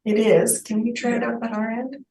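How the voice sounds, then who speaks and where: A woman's voice: fairly high pitch, level tone, brisk, creaky, mellow, echoey room, rough recording. Polite woman chairing in a boardroom. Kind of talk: chairing a formal hearing.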